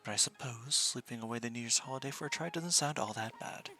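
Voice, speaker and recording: A man's voice: medium pitch, fast, pushed and bright. Man reading as a wry, analytical young woman scientist. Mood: intrigued. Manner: wordy, clinical, musing.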